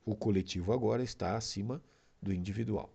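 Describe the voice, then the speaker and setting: A man narrating a training lesson in a slow, measured scripted read. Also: fairly low pitch, vocal fry, warm tone, husky, lo-fi sound.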